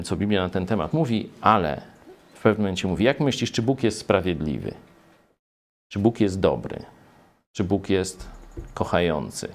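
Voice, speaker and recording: Animated male preacher exhorting slowly. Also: low-pitched. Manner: expounds scripture, rising sharply when reading verses aloud; addresses listeners directly, exhorting. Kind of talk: sermon.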